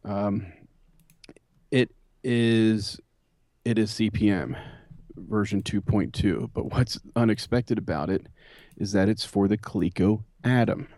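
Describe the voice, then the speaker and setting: A man's voice: lowish voice, takes it slowly, mellow, no echo. A man co-hosting a podcast, chatting casually and rambling with many fillers about vintage computers. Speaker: podcast co-host.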